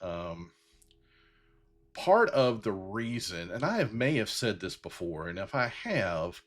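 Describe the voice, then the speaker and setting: Rambling man in his fifties, lively pitch. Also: slow pace. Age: 50s. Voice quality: bald-headed. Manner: rambling with many fillers and restarts. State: getting emotional. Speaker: podcast host. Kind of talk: heartfelt solo talk.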